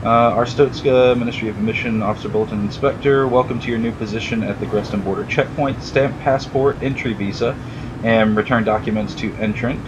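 A man casually commenting as he plays a game for the first time, chatty and sarcastic, reading on-screen text aloud on a low-quality home mic. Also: steady tone, fairly quick, muffled recording, noisy background. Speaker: gaming YouTuber. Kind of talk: casual let's-play commentary. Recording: loud game music behind.

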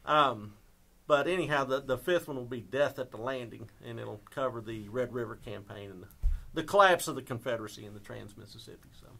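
A man's voice: medium pitch, brisk, gravelly, fairly bright tone. A man with a Southwest Texas accent, co-hosting a podcast and telling stories in casual chat. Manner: storytelling, joking. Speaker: podcast co-host, history professor.

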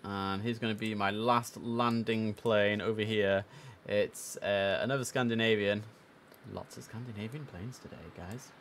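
Streaming an air traffic control game over a headset, this young man speaks with fairly low pitch and a slightly slow pace. He chats easily, reads out the radio calls, and repeats words to stress them.

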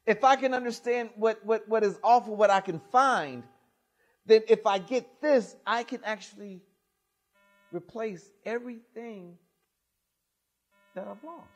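A middle-aged male pastor preaching from a pulpit in a small church, his voice sitting high for a man. He reads scripture and explains it in an animated way, rising loud and dropping to near quiet. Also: unhurried, long pauses. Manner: animated, expressive, loud and soft swings. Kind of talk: sermon with gospel reading. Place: small church sanctuary, indoors.

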